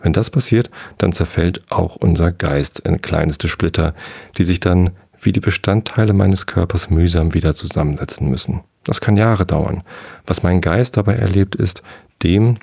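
Man playing a bitter male nightmare gnome, condescending, husky and dry, bedtime story reading. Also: low voice, normal speed, darkish tone, no room sound, heavily acted. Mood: explaining. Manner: lecturing, sighing, condescending.

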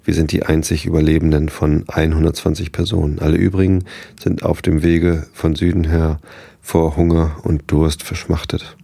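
A man's voice: very deep voice, flat delivery, moderate pace, vocal fry, dark tone, breathy edge, dry recording, heavily acted. A man reading as a weary rescued settler. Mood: earnest. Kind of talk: bedtime story reading.

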